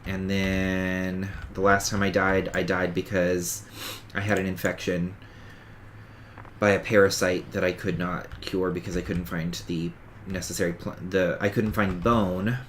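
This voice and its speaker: At a measured pace and level tone, this man's low voice comes through slight background noise. A streamer with a stuffy, sniffly cold, he rambles casually through a survival game in let's-play fashion, correcting himself and talking over each step.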